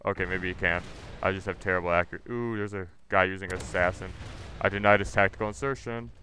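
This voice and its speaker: A man's voice: low voice, steady tone, fast talker, pushed and bright, slight background noise. A man giving live gameplay commentary, ranting and swearing with irritation as he plays. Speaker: gaming channel host.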